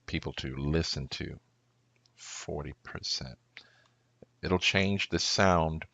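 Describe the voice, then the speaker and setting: A pastor talks through a recording tutorial in a very low, gravelly voice. He moves slowly and deliberately, thinking aloud as he goes. The sound is dry and slightly dull. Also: a bit bright, no echo.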